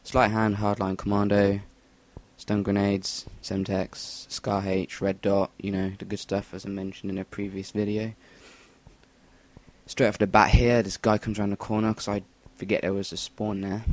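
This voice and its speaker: A young English man giving rambling, sweary voice-over commentary on a shooter game into a cheap USB mic. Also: fairly low pitch. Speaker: gameplay commentator. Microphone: Rock Band USB mic.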